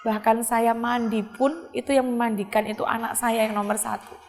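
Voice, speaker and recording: Brief: middle-aged woman, slightly high voice, earnest halting testimony, long reverb behind her. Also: little pitch movement. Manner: earnest, halting, with many pauses and fillers. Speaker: guest telling her life story. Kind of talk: personal testimony.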